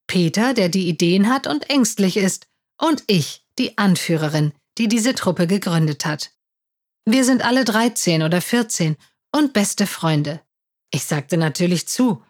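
A woman narrating a story in German as a storybook reader, lifting her voice for the quoted lines. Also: mid-range voice. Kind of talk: reading a school story aloud.

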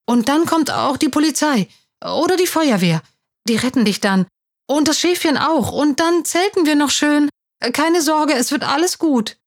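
A woman reading a children's story aloud and voicing a calm schoolboy who gently encourages his friend. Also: lowish voice, moderate pace, dry recording, clean studio sound, close to an everyday voice. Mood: reassuring. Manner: soothing, encouraging.

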